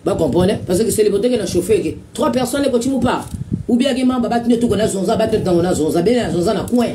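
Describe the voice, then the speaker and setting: Brief: high-pitched Congolese-accented man, rambling radio host, set back from the mic with a noisy background. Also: expressive, fast talker, recorded from a distance. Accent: Congolese (Brazzaville). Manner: rambling and repetitive, with many filler sounds. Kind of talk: casual commentary monologue.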